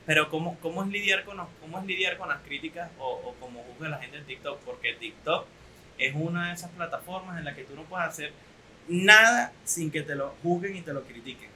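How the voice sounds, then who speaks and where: A man's voice: on the high side, fairly quick, pushed and bright, slight background noise, low-quality recording. A young man with a Venezuelan accent hosting a casual podcast interview, chatty and teasing. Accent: Venezuelan Spanish. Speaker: podcast host.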